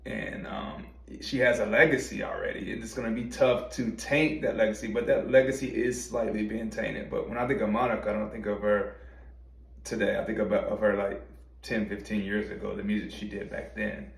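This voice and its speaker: Male podcast co-host, gravelly lowish voice, measured, distant from mic in an echoey room. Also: steady tone. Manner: thoughtful, measured, with slips and restarts. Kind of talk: casual chat.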